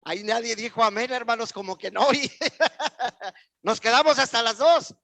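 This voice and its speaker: A man's voice: extremely high pitch, fairly quick, fairly bright tone, no echo. A man with a Mexican accent, preaching a sermon in church and telling his own story, emphatic and repetitive as he speaks straight to the congregation. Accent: Mexican Spanish. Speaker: pastor. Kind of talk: sermon with personal testimony.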